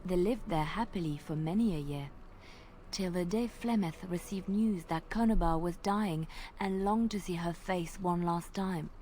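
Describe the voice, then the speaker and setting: Her voice sits on the low side as she recounts an ancient legend in character at a tabletop roleplaying game, deliberate and theatrical, occasionally lowering to a whisper. The clip has a little background noise.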